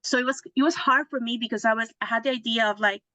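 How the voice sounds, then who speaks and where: A woman's voice: on the high side, steady tone, fast talker, bright, forceful tone, no echo. A woman, a lawyer telling her story in a casual interview, chatty with many restarts and tag questions. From Mexico. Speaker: guest lawyer.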